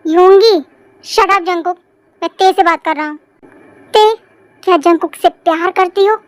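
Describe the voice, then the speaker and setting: A woman's voice: extremely high pitch, a little slow, no room sound. Woman doing an exasperated young man scolding. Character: hot-tempered young man, the protective friend. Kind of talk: fan audio story voice acting.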